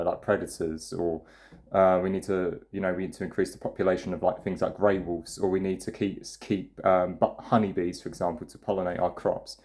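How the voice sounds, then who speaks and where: A young vlogger with a deep, slightly mellow voice rants casually to the camera. He's blunt and profane, rambles, and keeps restarting his sentences.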